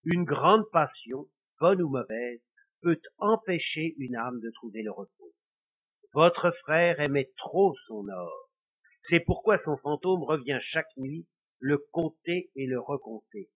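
A solemn village priest, measured and wise, as a male narrator gives him voice. His voice is bright and husky with lively pitch. The recording is dull and lo-fi. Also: full character voice. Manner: slow, grave, measured.

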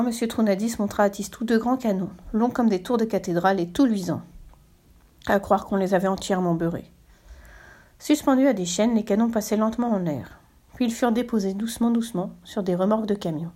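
A woman reading a children's novel aloud in a steady, expressive storybook style. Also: medium pitch. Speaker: narrator.

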